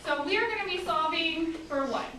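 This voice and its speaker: A woman's voice: very high voice, normal speed, sharp tone. A woman speaking as a teacher to her class, firm and directive, checking that students respond. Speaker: geometry teacher. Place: indoor classroom. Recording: echoey classroom, distant mic, faint noise.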